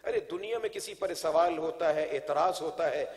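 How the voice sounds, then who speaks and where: A man with a high voice delivers a fervent religious sermon, his words rolling out over a long, echoing hall through a public address mic. He lurches between ringing proclamations and low, intense asides, hammering points home with repeated phrases aimed straight at the listeners. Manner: dramatic swings from loud proclamation to hushed emphasis; repeats phrases rhetorically, addressing the crowd directly. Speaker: Islamic preacher. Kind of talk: impassioned sermon. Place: religious conference gathering. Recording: long reverberant hall sound.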